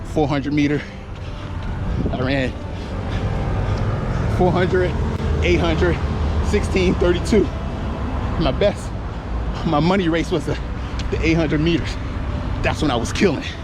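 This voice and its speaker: A man's voice: a little high, a little slow, heavy background noise. An American man in his forties chatting casually and a bit ramblingly while jogging outdoors. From United States. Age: 40s. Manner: laid-back, rambling, talking while jogging. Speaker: running vlogger. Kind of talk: casual vlog chat while running. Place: outdoors, on a run. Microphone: handheld action camera. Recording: action camera outdoors with music behind.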